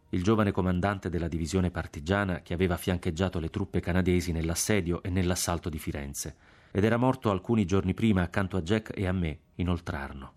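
A man reads a novel aloud in a low, measured voice. His delivery is grave and steady. Faint music runs beneath the narration. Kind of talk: audiobook narration.

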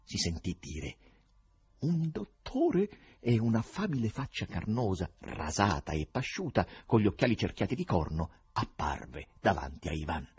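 Man, audiobook narrator, low husky voice, lively intonation. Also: normal speed, few pauses. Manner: expressive literary reading. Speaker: audiobook reader.

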